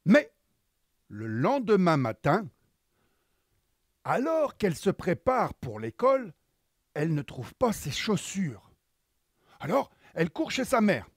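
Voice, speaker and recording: A man narrating a story for children in an animated storytelling style. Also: sits high, slow pace, pauses often, slightly rough, no room sound, studio quality.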